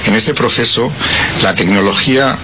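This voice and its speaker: A middle-aged man hosting a radio program, interviewing guests in a measured, reflective way. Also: lowish voice, noisy background. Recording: radio broadcast with music bed.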